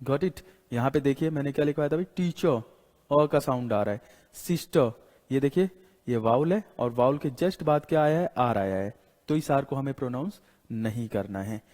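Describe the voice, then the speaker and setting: A male teacher giving a classroom lecture. He explains slowly, repeats his points and keeps asking "got it?", mixing English words into Hindi. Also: mid-range voice, a little mellow. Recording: long hall reverb.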